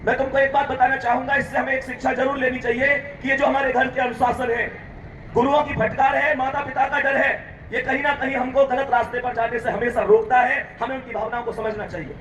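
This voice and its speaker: A man's voice: very high-pitched, steady tone, fairly quick, fairly bright tone, a little hiss or hum. A male teacher with a Rajasthani accent giving an impassioned motivational speech to students, reciting verse and calling out to the crowd. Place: large hall at a meetup. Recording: echoey hall, voice from a distance.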